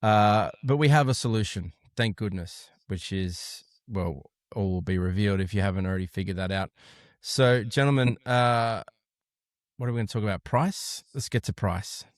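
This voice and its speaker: An Australian man hosts a chatty podcast in a lowish voice. He greets listeners with an upbeat, joking manner. The sound is dry and close. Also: moderate pace, no echo. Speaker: podcast host. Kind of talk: casual podcast chat.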